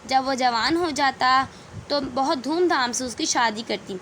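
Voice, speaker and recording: A woman voicing a frail, lonely old woman who longs for a child, speaking gently and wistfully in a storybook tale. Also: high voice, slight background noise.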